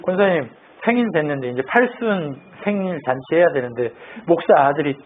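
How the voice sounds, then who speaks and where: A man's voice: a little high, expressive, brisk. A male pastor preaching in a chatty, teasing way, often putting questions to his congregation. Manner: conversational, quizzes the congregation, teasing and playful. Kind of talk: sermon. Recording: tinny phone-like band, faint noise.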